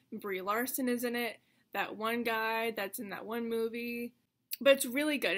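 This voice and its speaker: A woman's voice: fairly high pitch, fairly bright tone. An American woman in her twenties chatting in a rambling, self-mocking vlog style, her speech slightly slurred by the retainers she wears. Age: 20s. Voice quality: slight slur from wearing retainers. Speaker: vlogger. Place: carpeted bedroom at home.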